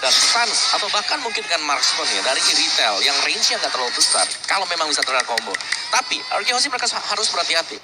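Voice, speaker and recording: Fast, higher-pitched Indonesian male esports analyst. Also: sing-song. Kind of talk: live game analysis commentary. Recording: loud broadcast noise behind.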